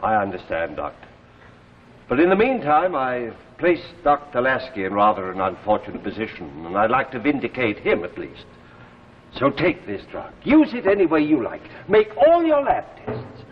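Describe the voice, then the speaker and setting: An actor playing an earnest, persuasive drug inventor in a 1950s TV drama, urgent and formal. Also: male voice, mid-range voice, big pitch swings, normal speed, close to an everyday voice. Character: earnest, persuasive male stranger pushing his miracle drug. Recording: muffled, noisy old TV soundtrack, reverberant.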